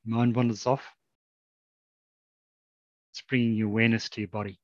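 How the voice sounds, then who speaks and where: A man leading a guided meditation in a slow, soft, calm way with long pauses. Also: fairly low pitch, no echo, muffled recording.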